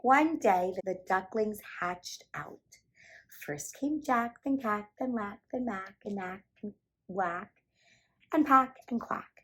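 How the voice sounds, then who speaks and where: Here a woman reads aloud from a children's picture book in a storyteller's animated, emphatic style for young ears. Her pitch is medium and she goes slowly.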